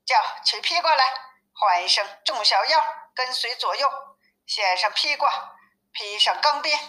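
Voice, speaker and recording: A scheming turtle-dragon demon lord of the river, haughty and full of himself, as a woman reader puts him on. The voice sits high and bright. It is told in the plain manner of a storybook reading. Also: expressive, a little slow, low-quality recording. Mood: defiant. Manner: haughty, then pleading.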